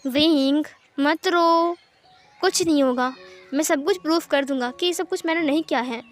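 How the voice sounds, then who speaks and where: A woman voicing a gentle young man who comforts and reassures a crying friend. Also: high voice, normal speed, faint music behind, natural voice. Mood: soothing. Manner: soothing, reassuring.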